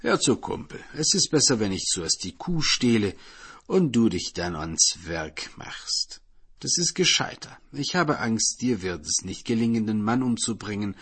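A man's voice: fairly low pitch, animated, moderate pace, hardly any pauses, fairly bright tone, slightly rough, full character voice. A man voicing a greedy male thief who bickers with his partner. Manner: stubborn, bickering.

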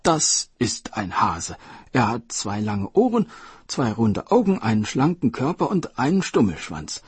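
A man's voice: mid-range voice, very animated, unhurried, slightly rough, exaggerated voice. A man voicing a sick, desperate old dragon king who pleads and commands his court. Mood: commanding.

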